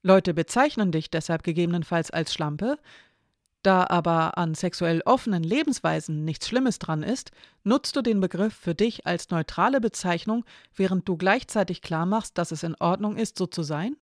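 A storyteller reading the lines of May, a thoughtful, gently ironic non-binary character who phrases things carefully, in a storybook reading. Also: medium pitch, moderate pace, no room sound, clean studio sound, close to an everyday voice. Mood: gentle.

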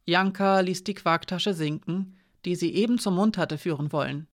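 Measured audiobook narrator, dry recording. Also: medium pitch, no room sound. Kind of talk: scripted narration.

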